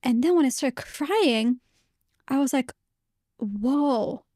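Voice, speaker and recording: Female podcast host with a fairly high voice, open and reflective, restarting her sentences often, recorded dry. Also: unhurried, mellow, no echo. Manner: candid and reflective, many restarts. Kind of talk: casual conversation.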